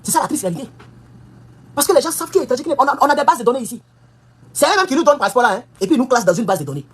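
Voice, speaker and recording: Woman, high husky voice, impassioned political rant, scolding rhetorical questions. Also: very animated, rapid-fire. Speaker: political commentator. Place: United States.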